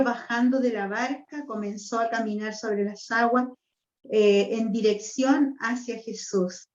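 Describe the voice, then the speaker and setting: Woman, 60s, religious sister; higher-pitched, pleading prayer tone, echoey room. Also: darkish tone. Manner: earnest and intimate, with pleading spoken prayers and rhetorical questions. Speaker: religious sister leading a healing retreat. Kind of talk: spiritual retreat talk. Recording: roomy, dull lo-fi recording.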